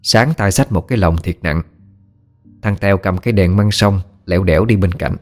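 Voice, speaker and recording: A man's voice: sits low, normal speed, darkish tone, faint music behind. A man narrating a ghost story in a folksy storytelling manner.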